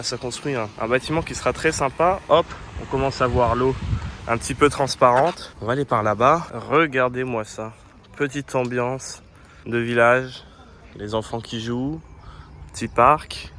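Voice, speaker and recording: A man's voice: medium pitch, a bit bright, slight background noise. Chatty young man vlogging outdoors. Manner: chatty and upbeat, storytelling with fillers. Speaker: travel vlogger. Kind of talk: casual travel vlog narration to camera. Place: outdoors on a seaside town street.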